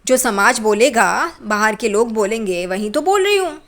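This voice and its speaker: A woman's voice: on the high side, expressive, normal speed. A woman reading the lines of a stern, disapproving middle-aged mother in an accusing tone.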